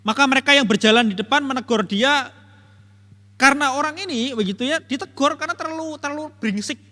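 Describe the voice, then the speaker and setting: A man's voice: extremely high pitch, fast, pushed and bright, big-room sound. A man teaching a Bible study, retelling the story emphatically and repetitively and addressing his listeners directly. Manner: repetitive, emphatic retelling with many "begitu ya" tags. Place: church hall.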